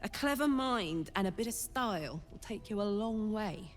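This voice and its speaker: A woman's voice: mid-range voice, expressive, normal speed, slight background noise, close to an everyday voice. Karlach, a woman as a big-hearted brawler, reverberant. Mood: fond, encouraging. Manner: casual, plain-spoken, encouraging. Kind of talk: video game dialogue. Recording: long reverb, music behind.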